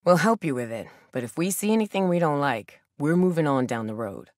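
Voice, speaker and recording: A guarded, protective young woman in a zombie apocalypse video game. Her voice sits low for a woman and moves through a wide range of intonation. She speaks dryly and bluntly, and the recording is close and dry. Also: animated, brisk, a little mellow, dry recording. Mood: guarded, wary.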